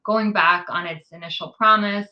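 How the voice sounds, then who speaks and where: A woman's voice: medium pitch, steady tone, normal speed, lo-fi sound. A woman from New York City, an immigrant rights advocate, giving articulate, detailed interview answers with frequent ums.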